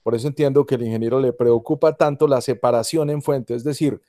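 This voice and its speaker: A man's voice: medium pitch, steady tone, quick pace, warm tone, no echo, clean studio sound. A man presents and asks questions conversationally as an interview host.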